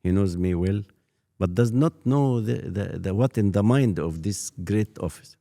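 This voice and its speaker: A man in his eighties with an Egyptian accent, a native Arabic speaker, telling his life story as a priest in an interview, halting and repeating words. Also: on the low side, mellow. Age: 80s. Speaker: Coptic priest guest.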